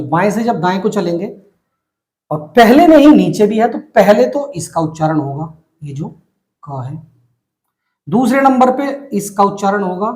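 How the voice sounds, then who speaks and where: A man teaching Hindi reading, slowly repeating and drilling syllables at a board. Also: high-pitched, a little mellow, reverberant. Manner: slow, repetitive drilling of syllables. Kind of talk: whiteboard reading lesson.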